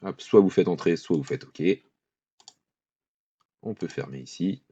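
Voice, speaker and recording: A man, walking viewers through a spreadsheet in a relaxed screen-recorded tutorial, thinking aloud with fillers and small apologies. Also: deep voice, a little slow, breathy edge, dry recording. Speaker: finance tutorial host. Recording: dull lo-fi voice-over with keyboard clicks.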